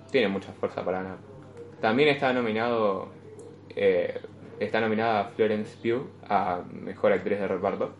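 A man's voice: fairly low pitch, dull audio. A young man with a Rioplatense Spanish accent hosting a casual film podcast, blunt and swearing freely. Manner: blunt, swears freely, lively when excited. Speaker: podcast host. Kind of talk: casual film chat with friends. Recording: echoey room with faint noise.

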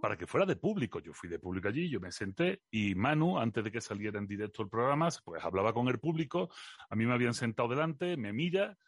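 A man in his forties with an Andalusian Spanish accent, a guest telling stories in a radio interview in a relaxed, colloquial way. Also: mid-range voice, quick pace, breathy edge, no echo, studio quality. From Andalusia, Spain. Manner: relaxed, expansive, colloquial with swearing. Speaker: guest, philosophy communicator.

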